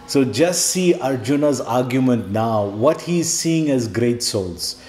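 A man's voice: medium pitch, lively intonation, slow, a little mellow, a little hiss or hum. A man teaching a scripture lesson as a devotional lecture, explaining step by step, posing rhetorical questions and checking in with a questioning "hmm?". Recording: echoey room.

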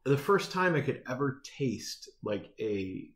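A man's voice: mid-range voice, very animated. Rambling man telling a story. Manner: rambling, halting storyteller with many fillers. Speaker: podcast co-host. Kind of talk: casual chat.

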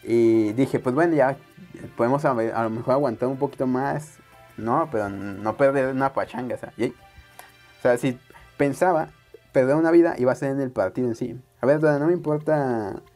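A man's voice: medium pitch, moderate pace, a little mellow, soft background music. Rambling young man playing a game. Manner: rambling, self-mocking, chats to viewers. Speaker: let's play gamer. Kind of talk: casual gameplay commentary.

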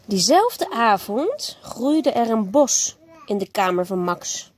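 Slow, expressive woman reading a bedtime story. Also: on the high side. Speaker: teacher reading aloud.

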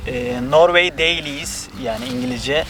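A man's voice: on the high side, sing-song, measured pace, vocal fry. A man chatting casually and cheerfully as a guest on an outdoor vlog. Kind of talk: casual chat.

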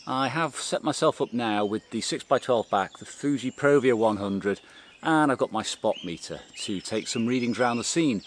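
A middle-aged man talking to camera in a forest, calmly explaining his photography gear step by step. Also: lowish voice, slight background noise. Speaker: photography vlogger. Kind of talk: casual explanatory talk to camera. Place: outdoors in a green forest.

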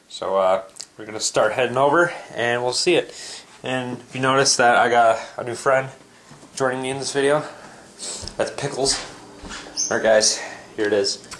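A young American man hosts a homemade mock review. He talks casually and haltingly, deadpan with plenty of swearing. The handheld camera picks up a roomy echo and some light noise, and his pitch sits in an ordinary male range. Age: young adult. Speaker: video host. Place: indoors at home. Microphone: handheld camera at arm's length. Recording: echoey room, noisy handheld camera audio.

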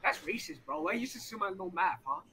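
A young man on a video call, joking and loud with a stranger. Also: high voice, animated, quick pace, a little hiss or hum. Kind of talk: casual chat.

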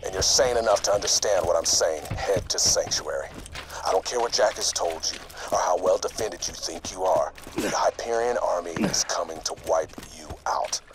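In a video game audio log, an actor voices a male military resistance leader, earnest and resolute, rallying soldiers in scripted speech. His low, natural voice moves at normal speed with a commanding, solemn, urgent tone. Music plays under a noisy background.

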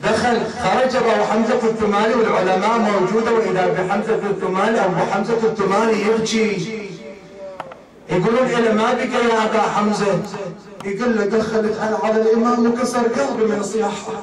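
A man with a high, ringing voice preaches a grieving, fervent sermon. He is recorded from a distance in a reverberant hall. The murmur of a packed gathering is heard around him. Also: steady tone, quick pace. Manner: impassioned, mournful storytelling. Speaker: mulla preacher. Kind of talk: Shia mourning sermon. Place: mourning hall with gathered listeners. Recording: echoey hall from far off, crowd.

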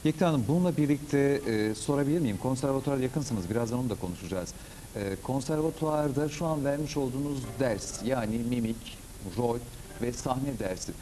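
A man in his thirties hosting a studio TV interview on a lapel mic, asking quick, rambling questions and often agreeing with fillers. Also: mid-range voice, warm tone, a little hiss or hum, low-quality recording. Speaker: TV show host.

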